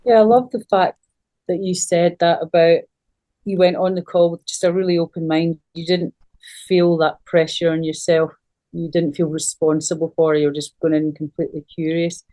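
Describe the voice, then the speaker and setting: A woman in an online group who asks questions on a video call in a warm, hesitant way. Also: on the low side, flat delivery, normal speed. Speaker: group participant. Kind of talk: casual online group discussion.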